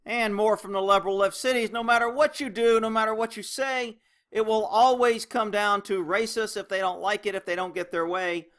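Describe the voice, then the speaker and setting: A man with a high-pitched voice rants through news commentary as the host of his own show. His delivery is heavy with sarcasm. He sounds exasperated and indignant about what he reports. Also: fairly even intonation, moderate pace, a bit bright. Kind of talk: opinionated news commentary rant.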